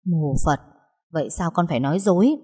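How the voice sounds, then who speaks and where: Woman doing blunt caring older aunt, dark mellow tone, echoey hall. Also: deep voice, animated, fairly quick, slightly rough. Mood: tender. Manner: soothing, then firm and scolding. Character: motherly older kitchen aunt, protective and blunt. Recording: long hall reverb.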